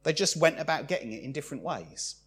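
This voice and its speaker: A man preaching a sermon, expressive and acting out the lines he quotes. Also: fairly high pitch, fast, slightly rough.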